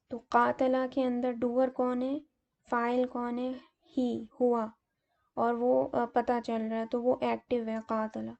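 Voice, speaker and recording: A woman teaching a grammar lesson, explaining examples step by step in a slow, methodical way with frequent fillers. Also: on the high side, dark tone, dull audio.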